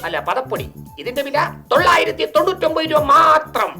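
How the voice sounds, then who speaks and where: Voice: high-pitched, very animated, a little fast, over loud music. A performer playing a meek, put-upon husband reciting advert slogans in a stage comedy skit.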